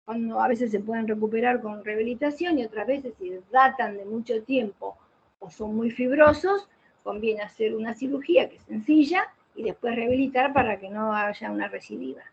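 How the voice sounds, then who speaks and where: Fairly high-voiced woman lecturing online. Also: normal speed, creaky. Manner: didactic, poses rhetorical questions and answers them. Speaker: voice specialist lecturing. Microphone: computer mic on a video call. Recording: muffled video-call audio with faint hiss.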